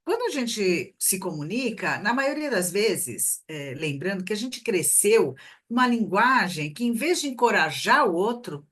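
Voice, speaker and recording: A middle-aged woman speaks in a reflective, conversational way and often illustrates her points with examples from daily life. Her voice sits at an average pitch for a woman, and she sounds like an expert guest talking in an interview. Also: big pitch swings, measured pace, a bit bright. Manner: reflective, explains with everyday examples. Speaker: guest expert on workplace communication.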